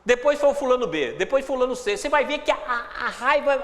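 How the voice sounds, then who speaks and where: Brazilian male lecturer, very high and lively voice, emphatic and repetitive, long hall reverb. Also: quick pace. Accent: Brazilian Portuguese. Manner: animated, acts out inner voices, repetitive emphasis. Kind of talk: live spiritual lecture.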